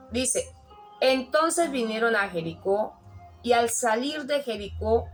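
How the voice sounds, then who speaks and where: Earnest woman preaching over soft music. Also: a little high. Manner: earnest, repetitive, restarts phrases, rising on quoted cries. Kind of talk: sermon.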